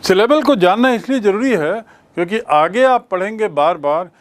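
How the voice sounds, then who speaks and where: A male teacher, explaining grammar in a classroom lesson, slowly repeating and spelling out words. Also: high voice, expressive. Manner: slow, repeats and spells out words, mixes English phrases.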